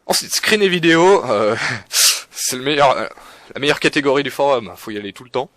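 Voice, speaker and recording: A man's voice: medium pitch, expressive, a little fast, a bit bright, no room sound, clean studio sound. A young man giving a casual, rambling walkthrough of a game forum, with lots of fillers, restarts and self-mocking asides. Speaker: forum guide presenter. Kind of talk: casual screen-recorded walkthrough.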